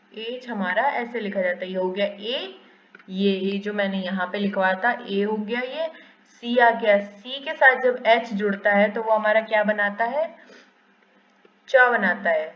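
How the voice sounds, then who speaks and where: A woman's voice: mid-range voice, a little slow. A woman teaching a pronunciation lesson, asking questions and answering them herself, repeating the key points. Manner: asks and answers her own questions; repeats key phrases for emphasis. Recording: echoey, dull lo-fi room recording.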